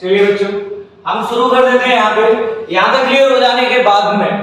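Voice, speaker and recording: A man's voice: extremely high pitch, brisk, a bit bright. A man teaching English grammar to a class, repeating questions back to his students to check they understand. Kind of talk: classroom lecture. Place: coaching classroom. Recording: echoey room, mic far off.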